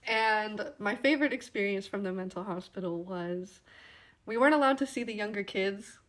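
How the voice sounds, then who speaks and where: A woman's voice: mid-range voice, normal speed, fairly bright tone. A young adult woman, a podcast guest in casual chat, telling rambling stories and laughing often.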